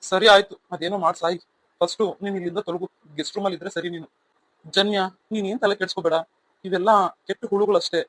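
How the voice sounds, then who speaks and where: A man's voice: sits high, fairly even intonation, quick pace, fairly bright tone, dry recording, low-quality recording. A man voicing a stern, protective elder brother in a cartoon serial, blunt and commanding.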